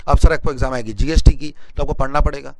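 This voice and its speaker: A man's voice: medium pitch, quick pace, vocal fry, slight background noise, rough recording. A young man giving an exam-planning lecture as a coaching teacher, switching between Hindi and English and repeatedly checking in with his listeners. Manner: mixes Hindi and English, addresses viewers as sir, repeats "ठीक है ना?".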